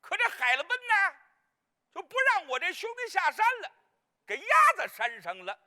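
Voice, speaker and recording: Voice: very high-pitched, big pitch swings, normal speed, pushed and bright, exaggerated voice. A performer playing a comic, gossipy married woman in Peking opera, speaking with a Beijing accent in a rambling, bumbling way. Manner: rambling, bumbling, fumbles names. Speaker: clown role in a staged opera.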